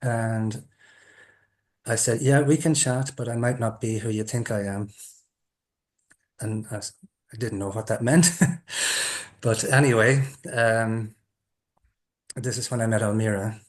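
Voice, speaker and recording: A man's voice: lowish voice, steady tone, unhurried, pauses often. A man hosting an interview, telling a personal story in a chatty way and laughing at himself now and then. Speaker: interviewer, group host. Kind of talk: storytelling introduction.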